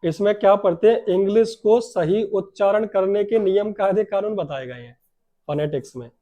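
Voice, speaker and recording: A high-voiced male teacher leads a grammar lesson. He keeps putting questions to his class and then answering them himself, stretching out key words to stress them. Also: normal speed, warm tone.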